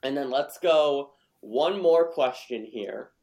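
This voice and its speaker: A male podcast host with an ordinary, mid-range voice, talking in a loose, casual way. He is warm toward his guest and encouraging, and he circles back on his own words while he thinks. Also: medium pitch, animated, slow pace.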